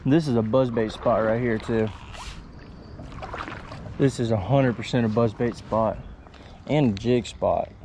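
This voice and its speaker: A man's voice: mid-range voice, measured pace, long pauses, warm tone, slight background noise. A young man chatting casually to the camera as he fishes from a kayak on a creek, talking to the fish and using mild exclamations. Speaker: fishing vlogger. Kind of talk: casual running commentary. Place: small kayak on a wooded creek outdoors. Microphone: chest-mounted action camera.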